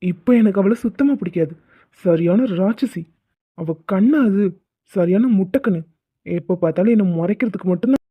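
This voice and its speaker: A woman voicing an exasperated young husband in an animated comedy, teasing and pleading with his wife. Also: medium pitch, moderate pace, slightly rough, no room sound. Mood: coaxing. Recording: tinny phone-like sound.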